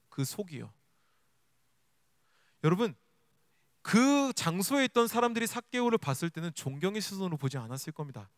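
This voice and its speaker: A young man preaching a sermon, leading the congregation through the story with question after question. His voice sits high and swings widely in pitch. The sound is dry and close, with little room echo. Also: a bit bright. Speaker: junior pastor preaching.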